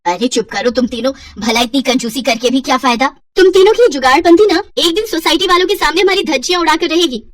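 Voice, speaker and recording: A woman's voice: high voice, expressive, fast, hardly any pauses, far from the mic. A woman voicing a stern older mother-in-law who scolds and quotes proverbs in a cartoon story. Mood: scolding.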